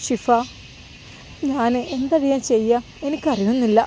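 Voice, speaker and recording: A woman's voice: a little high, a little slow, mellow, slight background noise, close to an everyday voice. Woman voicing a heartbroken, bitter young woman. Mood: hurt, bitter. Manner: tearful, pleading and bitter. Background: faint evening crickets.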